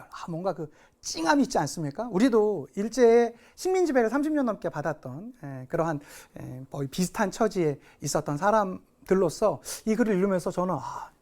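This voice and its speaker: Lively, animated history lecturer. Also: male voice, high voice. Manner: lively, dramatic, reads quotes with big emotion. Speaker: history teacher. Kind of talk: recorded exam-prep lecture.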